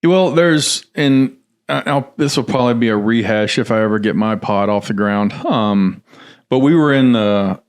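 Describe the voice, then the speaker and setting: On a podcast, a middle-aged Tennessee man who once worked as a football general manager rambles through stories about his past job, restarting often and filling gaps. His voice sits in the mid range, clean, at a moderate pace, in a casual storytelling interview.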